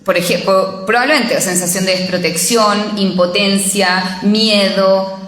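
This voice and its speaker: A woman's voice: mid-range voice, steady tone, measured pace, fairly bright tone. A woman theologian gives a conversational talk in a parish, often checking in with her listeners and acting out inner voices. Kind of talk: spoken lecture to a parish group. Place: parish hall. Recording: echoey parish hall.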